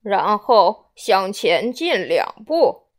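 A woman voicing a slow, mournful mock turtle. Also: mid-range voice, big pitch swings. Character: sad slow-talking male mock turtle. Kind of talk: children's storybook reading. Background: soft music.

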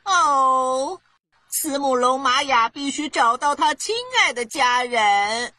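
A cheerful talking map from a children's cartoon. It speaks high and slowly in a bouncy singsong, spelling out each step. Music sounds behind it. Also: female voice, bright, forceful tone, heavily acted. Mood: helpful, upbeat. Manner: singsong, spells out steps with repetition. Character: cheerful, helpful talking map giving directions.

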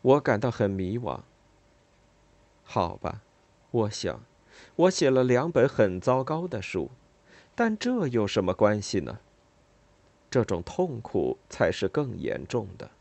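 An audiobook narrator reading a first-person story in a measured way. The pitch moves in a lively, animated line, and the voice sounds close and dry, with no room behind it. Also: gravelly, dry recording.

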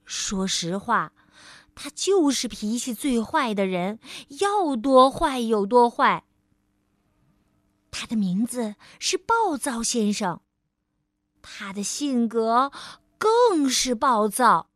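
A woman storyteller reading a picture book aloud to a child, gently addressing the listener as darling. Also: on the high side, big pitch swings, slow pace, dry recording, studio quality.

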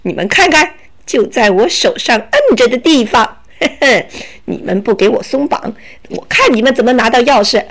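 A woman's voice: fairly high pitch, lively intonation, moderate pace. A woman voicing a scornful, gloating bandit man who stammers and mocks his captors, read as a children's story. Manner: mocking, stammering, bursts of laughter.

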